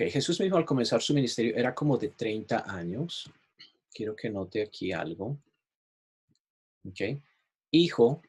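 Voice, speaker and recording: Husky-voiced man teaching a Bible lesson. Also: fairly low pitch. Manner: explanatory, repeats "¿ok?" to check understanding; shares screen while teaching, online class. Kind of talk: Bible study lecture.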